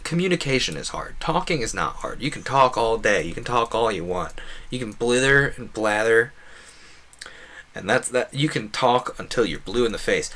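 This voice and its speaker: Streaming a video game, a man rambles casually in a medium-pitched, bright voice that is expressive and forceful. He talks at normal speed, thinking aloud and often rewording himself mid-thought.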